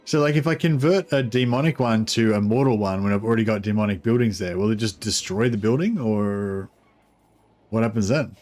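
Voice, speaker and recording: A man's voice: fairly low pitch, brisk, a little mellow, soft background music. A man casually thinking aloud as he plays a video game, musing and hesitant, with some swearing. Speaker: video game player commentating.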